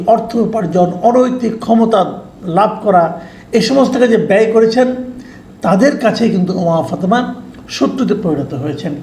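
Man, political commentary, measured explanatory delivery, high voice, roomy echo. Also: a little hiss or hum. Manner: measured, explanatory, reads out quotes. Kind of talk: online news commentary.

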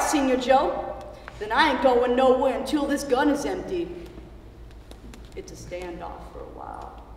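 Brash hot-tempered frontier lawman, played by a woman, high voice, slow drawl, distant echoey theater hall. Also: slight background noise. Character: rowdy, boastful male Western deputy marshal. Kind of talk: live stage play acting. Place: theater stage. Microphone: distant stage mic.

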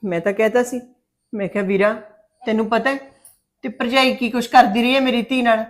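A woman's voice: fairly high pitch, steady tone, a little fast, natural voice. A middle-aged woman with a Punjabi accent, playing a mother who reassures her daughter in a web series drama. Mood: reassuring. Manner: protective, reassuring.

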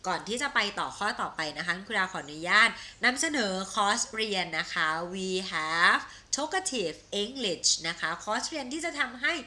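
Bright-voiced Thai woman teaching slowly. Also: medium pitch, big pitch swings. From Thailand. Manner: slow, carefully modelled English phrases between quick Thai explanations. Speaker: English teacher. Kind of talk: live-streamed language lesson.

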